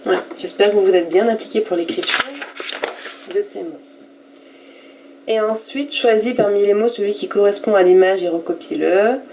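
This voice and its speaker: A woman teacher giving a recorded reading lesson to young pupils, sounding out each letter and syllable slowly and with care. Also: mid-range voice, noisy background. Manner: slow and careful, spelling out letters and syllables one by one. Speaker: primary school teacher.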